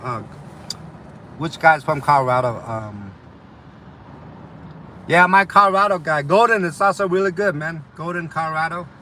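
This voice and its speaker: Pausing often, this young man speaks at normal speed in a fairly high voice with a sharp tone. He is a delivery driver with a slight Vietnamese accent, casually reading viewer comments on a live stream and rambling about driving full of ums and uhs. A little hiss or hum is audible.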